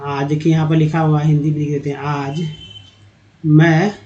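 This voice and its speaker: A man, teaching in a slow lesson and reading word lists aloud syllable by syllable. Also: on the high side, level tone, dark tone, highs cut off. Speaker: English teacher.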